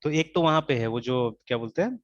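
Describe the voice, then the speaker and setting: In an expressive, medium-pitched voice at a slightly fast clip, a man gives an informal online coding lesson. He switches into English often and keeps checking in with "theek hai"; the sound is dull, dry and lo-fi.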